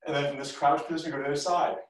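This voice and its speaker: A man's voice: a little high, flat delivery, very fast. A middle-aged man teaching a live kung fu class, giving short instructional commands and encouraging feedback. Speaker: martial arts instructor. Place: medium-sized living room, indoors. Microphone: camera across the room. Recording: roomy echo, distant mic.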